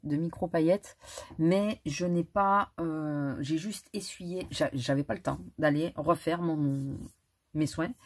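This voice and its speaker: In a relaxed vlog, a middle-aged woman talks through a makeup palette, frequently starting over and breaking into small laughs as she hesitates. She speaks in a low-pitched, slightly mellow voice that has some breathiness.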